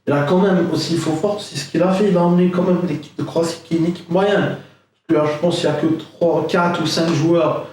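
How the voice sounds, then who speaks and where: A young man rambles through a casual football reaction, chatty and loaded with fillers. His voice sits fairly high. He sounds well back from the mic in a strongly echoing room. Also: fairly even intonation, a little fast, darkish tone, slight background noise. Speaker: football vlogger. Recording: echoey room, far from mic.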